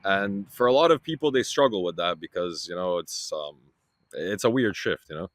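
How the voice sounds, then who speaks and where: Low-voiced young man. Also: normal speed. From Toronto, Canada. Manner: easygoing, relaxed, filler-heavy. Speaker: guest, freight broker. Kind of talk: casual interview chat.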